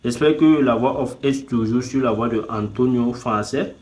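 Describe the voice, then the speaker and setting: A man at a middle pitch gives a relaxed, chatty walkthrough of a website. He narrates each click as he goes and keeps falling back on the same filler phrase. Now and then he turns to his viewers with playful nudges. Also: normal speed. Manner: repeats "tout simplement" constantly; talks straight to viewers, teasing them to subscribe. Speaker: YouTube tutorial host. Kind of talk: casual screen-recording tutorial.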